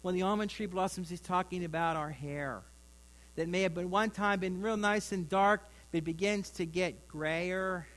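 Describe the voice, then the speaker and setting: A man's voice: sits high, normal speed, a bit bright, poor audio. A middle-aged man preaching a sermon in a folksy, rambling way, with asides to his congregation. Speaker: pastor.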